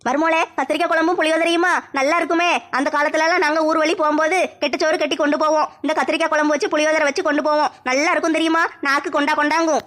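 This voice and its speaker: A woman playing a shrill scheming old mother-in-law. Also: little pitch movement, racing, hardly any pauses, fairly bright tone. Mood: sweet, coaxing. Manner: scolding, grumbling, wheedling. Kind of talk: comedy skit acting.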